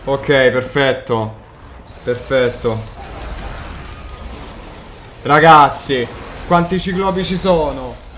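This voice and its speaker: A man giving casual, excitable gameplay commentary, swearing and talking to his viewers. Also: medium pitch, drawn-out words, pauses often, slight background noise. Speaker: video game player commentating. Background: game music.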